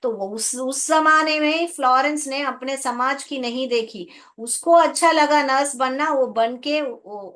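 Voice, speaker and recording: A woman's voice: high-pitched, fairly bright tone. A woman teacher explaining an English lesson to her class, patiently sounding out words and asking her students questions. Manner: patient, calls students "beta", asks checking questions.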